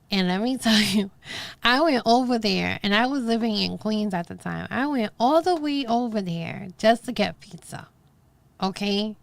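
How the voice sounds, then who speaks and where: A woman's voice: medium pitch, gravelly, smooth, no room sound. A middle-aged woman with a Brooklyn New York accent, hosting a podcast in casual, rambling chat with emphatic asides. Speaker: podcast host. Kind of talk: casual solo chat to a live stream.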